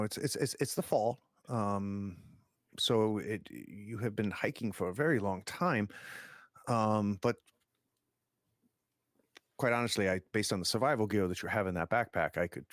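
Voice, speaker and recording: A man playing a smug, condescending doctor in a tabletop game, halting, patronising and matter-of-fact. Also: lowish voice, no room sound, studio quality, close to an everyday voice. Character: condescending male doctor, smug and evasively questioning.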